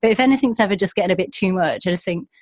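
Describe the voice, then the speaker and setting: A woman's voice: medium pitch, racing, no echo. A woman who is a guest on a podcast, chatting casually in an upbeat, dry-humored way with frequent laughter. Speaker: guest influencer. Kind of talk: casual chat.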